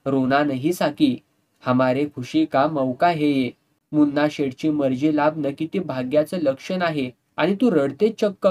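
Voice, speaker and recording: A man's voice: fairly high pitch, a little slow, a little mellow, lightly acted. A man voicing a leering, drunken rich villain who mocks and sneers and slips into Hindi couplets. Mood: mocking.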